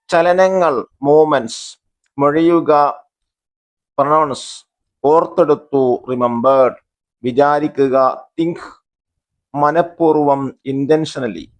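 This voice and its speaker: Man explaining a religious textbook lesson. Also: on the high side. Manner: reads the textbook aloud, then explains and glosses terms; asks questions and answers them himself. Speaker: religious school teacher.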